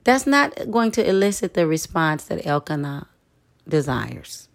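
A woman preaching a sermon in an expressive, conversational way, with dramatic asides. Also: sits low, a little slow, gravelly.

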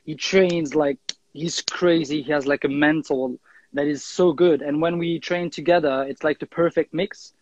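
A man's voice: a little high, steady tone, moderate pace, lo-fi sound. A young man from Switzerland, chatting casually as an interview guest, full of fillers and restarts. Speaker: guest, freerunner and kendama player.

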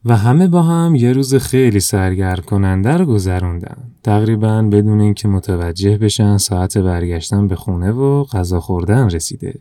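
A man narrating a children's story in a calm, even storytelling manner. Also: on the low side, few pauses, no room sound, studio quality.

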